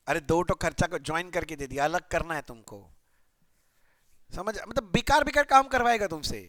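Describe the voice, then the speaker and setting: A man's voice: high-pitched, sharp tone, no echo. A young man teaching accounting in a chatty, playful lecture style, often asking students questions and muttering while he writes. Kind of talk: casual classroom lecture.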